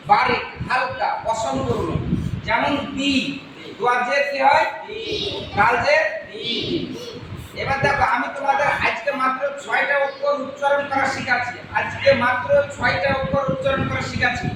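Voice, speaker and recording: A man teaching Arabic pronunciation in a madrasa classroom, quizzing pupils on letters and drawing out sounds slowly. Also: extremely high pitch, fairly even intonation. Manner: drills letters with questions, slow drawn-out sounds. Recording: echoey classroom from far off, noisy.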